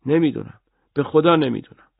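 A man's voice: on the low side, lively intonation, gravelly, slightly rough, no echo, phone-quality sound, heavily acted. A man voicing a frightened young male detainee who pleads and stammers out denials. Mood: pleading.

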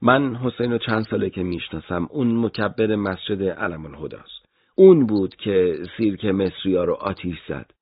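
A man's voice: low voice, breathy edge, no room sound, dull audio. A man voicing a frightened young male detainee who pleads and stammers out denials. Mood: confessing.

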